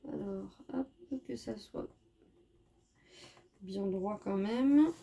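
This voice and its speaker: A woman's voice: mid-range voice, drawn-out words, gravelly, dark tone, slight background noise. Chatty woman with many fillers. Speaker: scrapbooking crafter. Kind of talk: casual craft tutorial.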